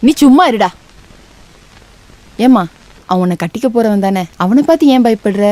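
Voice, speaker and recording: A woman's voice: on the high side, lively intonation, moderate pace, mellow, dry recording, natural voice. An actress playing a mother who takes her son's side and coaxes the frightened girl. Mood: coaxing. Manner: coaxing. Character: indulgent mother siding with her son.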